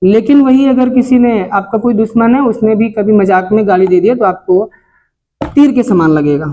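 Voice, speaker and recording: A man's voice: high-pitched, normal speed, warm tone, a little hiss or hum. A man who teaches at a coaching institute, speaking in Hindi with a north Indian accent as he gives his class earnest, moralizing life advice and keeps putting rhetorical questions to them.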